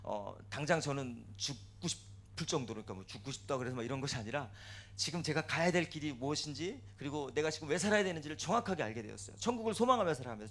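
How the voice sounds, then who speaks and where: A man's voice: mid-range voice, fairly bright tone. A male pastor giving a tearful testimony sermon in a church, acting out his prayers aloud as he tells the story.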